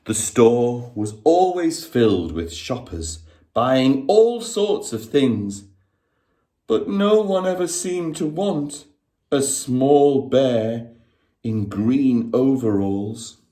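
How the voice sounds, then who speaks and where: A man reading a children's story aloud like a teacher, dramatic and expressive, drawing his young listeners in. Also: mid-range voice, takes it slowly. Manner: dramatic, inviting listeners to join in.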